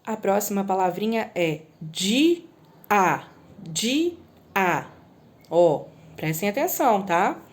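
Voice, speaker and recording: A woman teaching a recorded lesson to young children, slowly drawing out example words and often checking in with them. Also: mid-range voice, sing-song, darkish tone. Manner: patient, drawn-out word spelling with frequent "tá?" checks. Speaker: primary school teacher.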